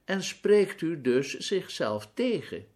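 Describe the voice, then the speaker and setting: A slight, earnest little man speaks quietly and hesitantly, with grave solemnity, as a narrator plays him. He stays close to the reader's own slow voice, a gentle figure from a read-aloud tale. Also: fairly high pitch, big pitch swings, pitched above the performer's own voice.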